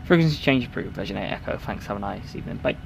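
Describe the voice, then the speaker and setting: Male simmer, pilot headset readbacks, low and gravelly, noisy engine-hum track. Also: animated, rapid-fire. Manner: clipped pilot radio talk into a headset mic. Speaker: flight sim player.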